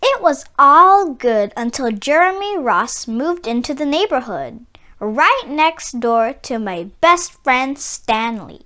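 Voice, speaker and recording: Female children's book reader, bright and lively, theatrical storytelling with emphatic key words. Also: high-pitched, slow. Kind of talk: expressive read-aloud storytelling.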